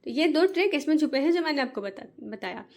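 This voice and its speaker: A woman teacher explaining to parents how to teach children to read. She breaks words into syllables and repeats each word slowly and patiently. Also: high voice, lively intonation, darkish tone. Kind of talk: slow, patient Hindi reading lesson.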